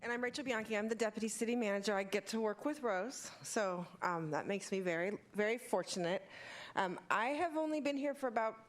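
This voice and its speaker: A woman's voice: medium pitch, brisk. A woman, a city official, giving an informal self-introduction at a meeting. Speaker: deputy city manager.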